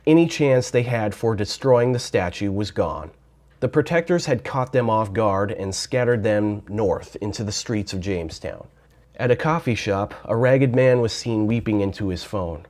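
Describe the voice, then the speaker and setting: A man giving scripted documentary narration in a grave, measured tone. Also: lowish voice, darkish tone.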